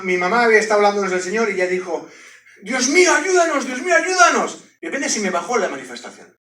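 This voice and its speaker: A man giving his testimony as a sermon, telling it with jokes and sound effects. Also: sits high. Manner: animated, joking storyteller with sound effects. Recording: echoey hall, mic from a distance.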